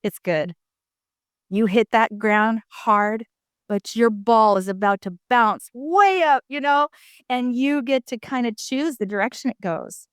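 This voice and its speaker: An animated woman speaking candidly as an interview guest about her own life. Her slightly high voice is smooth and resonant, recorded close and dry with almost no room sound. She talks emphatically, with big pitch swings and casual fillers. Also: a little slow, no room sound. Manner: conversational, with frequent fillers. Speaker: guest sharing her recovery story. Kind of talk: candid personal storytelling.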